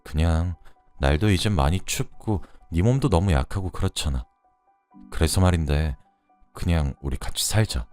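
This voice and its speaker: A man playing a gruff, taciturn Gyeongsang man. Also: lively intonation, a little mellow, faint music behind. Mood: tender. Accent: Gyeongsang Korean. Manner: blunt, low and slow. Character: gruff, taciturn middle-aged man, tender underneath.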